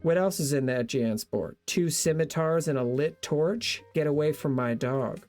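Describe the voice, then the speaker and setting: A man's voice: fairly high pitch, unhurried, darkish tone, faint music behind. A young man streaming casually, reading out his old joke notes, laughing at himself and thanking viewers. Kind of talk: casual livestream chat.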